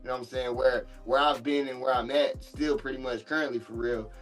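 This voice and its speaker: A man in a casual chat, reflecting and thinking out loud. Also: mid-range voice, fairly even intonation, a little fast, soft background music. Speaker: guest.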